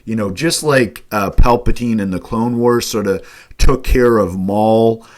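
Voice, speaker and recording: A man's voice: lowish voice, a little slow. A man hosting a casual fan chat, talking enthusiastically with lots of fillers. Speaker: host.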